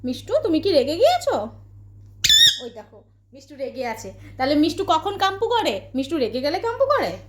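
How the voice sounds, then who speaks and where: A woman's voice: sits high, sing-song, a little fast. A woman filming her pet parrots at home, talking to them in coaxing, sing-song baby talk. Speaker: pet vlogger. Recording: echoey room, faint noise.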